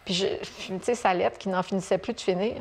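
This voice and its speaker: A woman from Quebec with a Québécois accent, a guest author telling stories in a relaxed chat, full of fillers and restarts. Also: mid-range voice, brisk. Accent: Québécois French. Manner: animated storyteller, many fillers and restarts. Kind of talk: casual conversation on a talk show.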